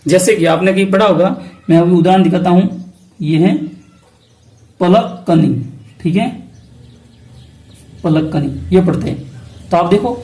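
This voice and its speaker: High-voiced Hindi teacher quizzing himself. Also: male voice, warm tone. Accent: Rajasthani Hindi. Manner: asks questions then answers them himself; repeats key terms slowly. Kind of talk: exam-prep lesson.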